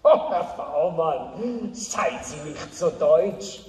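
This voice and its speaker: An actor playing a chatty, fussy Swiss cheese peddler with a theatrical, drawn-out sing-song delivery. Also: male voice, very high-pitched, big pitch swings, noisy background, heavily acted. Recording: echoey hall from far off.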